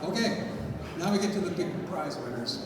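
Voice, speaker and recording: Brief: man MC at a gallery awards night, slightly high voice, booming hall from far off, loud crowd. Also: animated, normal speed, heavy background noise. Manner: upbeat, calls out to winners in the room. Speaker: awards ceremony host. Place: art gallery event. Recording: echoey hall, distant mic, loud crowd.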